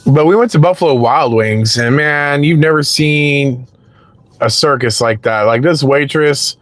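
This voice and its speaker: A man's voice: a little high, unhurried, a bit bright, no room sound. A man chatting casually with his live-stream viewers while waiting for rides in his parked car, rambling and swearing freely.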